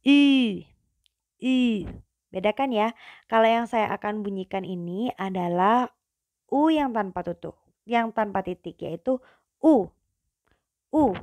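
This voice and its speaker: A young woman teaching German pronunciation in a slow, patient lesson, drawing out each sound. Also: medium pitch, darkish tone, no echo. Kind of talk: classroom-style video lesson.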